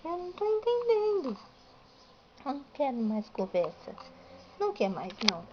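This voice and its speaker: A woman's voice: sits high, huge pitch swings, normal speed, highs cut off, noisy background. A woman voicing her baby son as a fussy, grumpy little boy, in baby talk. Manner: baby talk, speaking his thoughts aloud. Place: home.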